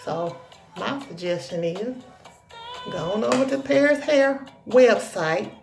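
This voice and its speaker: A woman vlogger speaks with a deep Southern accent and a strongly creaky edge to her voice. Her talk is folksy, casual and self-assured, with a sassy country flavor. Music plays clearly behind her. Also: slow pace. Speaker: hair tutorial vlogger. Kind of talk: casual chat to viewers.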